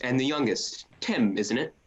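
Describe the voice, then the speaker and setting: In a radio play, an actor voices a cheerful nephew, a warm-hearted and earnest young gentleman, using hearty declamation. His medium-pitched delivery is expressive and lightly acted at a normal speed, with a friendly mood.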